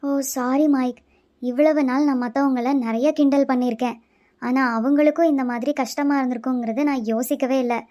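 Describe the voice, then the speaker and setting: Someone doing a whiny high-pitched schoolkid. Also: steady tone, fairly quick, highs cut off, close to an everyday voice. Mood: remorseful. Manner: whiny and emotional, bright and loud. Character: selfish schoolkid Jess who learns to share. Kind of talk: kids puppet show acting.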